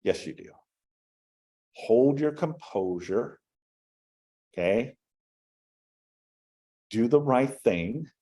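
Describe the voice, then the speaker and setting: A real estate broker gives an energetic short talk to an audience in a medium-pitched voice. He is animated and keeps turning to the crowd with "right?" and "folks."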